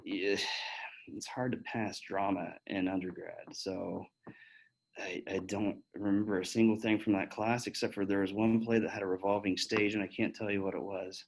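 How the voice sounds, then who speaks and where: A man in his thirties with a slightly low voice talks openly to pre-med students about his path into medicine. His delivery is relaxed and conversational, dotted with fillers and false starts as he answers questions one by one. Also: normal speed, vocal fry, low-quality recording. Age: 30s. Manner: candid and chatty, with many fillers and restarts. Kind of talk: casual Q&A talk.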